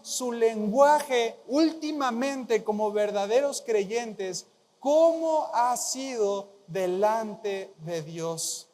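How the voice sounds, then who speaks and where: A pastor preaching in a high voice and at an unhurried, deliberate pace. He hammers key phrases by repeating them and prompts the congregation to answer back. His voice rings with a long reverb across a large church hall. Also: a little mellow. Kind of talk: sermon.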